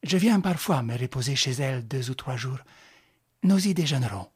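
A husky-voiced reader voicing an elegant countess in an audiobook, speaking in a poised, gently instructing way. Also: mid-range voice, animated, moderate pace. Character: elegant countess, gracious woman.

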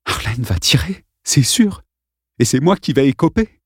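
A man's voice: mid-range voice, big pitch swings, normal speed, slightly rough, no echo, clean studio sound, voice pushed up, heavily acted. A man voicing a young boy's wry, worried thoughts. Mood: wry worry. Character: anxious young boy, wry in his thoughts.

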